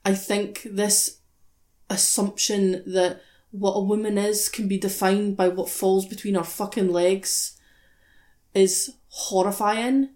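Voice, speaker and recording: A woman's voice: mid-range voice, fairly even intonation, slow pace, dark tone. A woman hosting a podcast discussion, speaking emphatically and passionately, with plenty of swearing. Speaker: podcast host. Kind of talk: impassioned opinionated podcast discussion.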